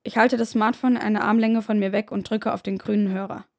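A woman narrating a first-person story in a steady, measured audiobook reading. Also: mid-range voice, vocal fry.

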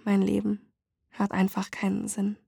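An exhausted young mother deep in grief, as a woman reading a story puts her on. She speaks quietly and brittly, in a flat tone with some gravel. The recording is dry and close. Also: a little slow, dry recording. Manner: fragile, quiet, formal address.

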